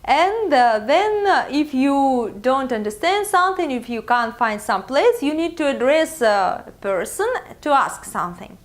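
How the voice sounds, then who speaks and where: Young Russian-accented woman, patient language teacher, unhurried, lilting higher voice. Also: big pitch swings. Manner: many filler pauses, drawn-out teaching pace. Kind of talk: slow, careful video lesson.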